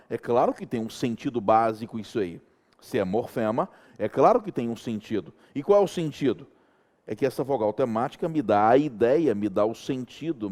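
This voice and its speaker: A middle-aged Brazilian man teaching a Portuguese grammar lesson, checking in with the students again and again. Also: on the high side. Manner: animated, checks in with students often.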